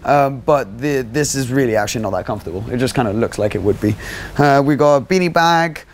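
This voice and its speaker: Brisk and chatty, a young man in his 20s with a medium-pitched voice shows off his small rented house and garden, moving inside and out for a casual walk-through vlog. A small clip-on mic on his shirt picks him up, with slight background noise.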